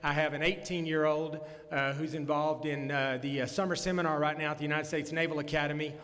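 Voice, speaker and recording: Casting: Mann, 40er, westtexanischer Akzent, volkstümliche Wahlkampfrede, rasch, Mikro in hallendem Saal. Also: male voice, a little high, steady tone, brisk, a bit bright. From Texas Panhandle. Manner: folksy, frequent "uh" fillers and restarts. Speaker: congressional candidate. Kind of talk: campaign stump speech. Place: meeting room at a candidate forum. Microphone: handheld or podium mic. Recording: long hall reverb from a room PA.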